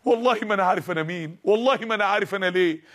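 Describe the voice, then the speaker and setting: A broken young Egyptian man pleads and stammers, with a husky voice that rushes ahead, as a male preacher voices him. His words trip over each other, and he repeats himself. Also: high-pitched, fairly bright tone. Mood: pleading. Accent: Egyptian Arabic.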